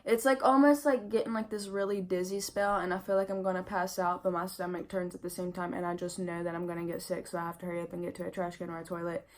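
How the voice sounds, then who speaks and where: Chatty young woman, flat-toned pregnancy vlog. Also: fairly low pitch, fast, few pauses. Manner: chatty and candid, lots of "like" and "I mean" fillers. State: pregnant and tired, yawning. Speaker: vlogger. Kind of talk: casual pregnancy update vlog.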